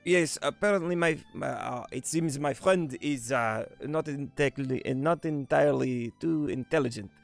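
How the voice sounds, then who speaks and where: A man voicing a haughty French gentleman adventurer with a put-on French accent, dismissive of his hurt friend. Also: high-pitched, sing-song, racing, vocal fry, hardly any pauses, soft background music, pitched above the performer's own voice, heavily acted. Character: smug dark-haired French gentleman adventurer.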